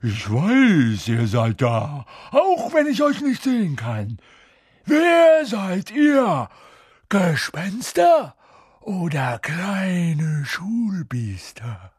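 A shrill, wheedling poltergeist of a storybook, sneering and mischievous. His voice swoops high and drawls the words out slowly. It sounds dry and close. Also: huge pitch swings, slightly rough, dry recording, heavily acted. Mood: taunting. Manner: wheedling, slimy, sing-song.

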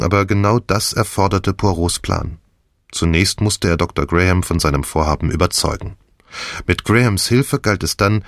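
A man narrating an audiobook in the first person with a calm, measured reading. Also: low-pitched, no echo, studio quality.

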